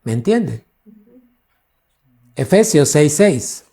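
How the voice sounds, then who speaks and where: A pastor teaching a sermon in a slow, deliberate way. His voice is dark and mellow. He stretches key words and throws questions at the congregation. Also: on the high side, big pitch swings. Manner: preaching with questions to the congregation, drawn-out emphasis.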